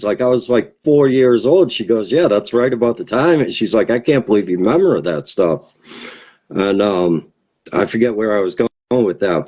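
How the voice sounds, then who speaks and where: A man's voice: on the low side, darkish tone. A man from the area, a guest poet talking in a casual interview, rambling and hesitant with many fillers and restarts. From Boston area, USA.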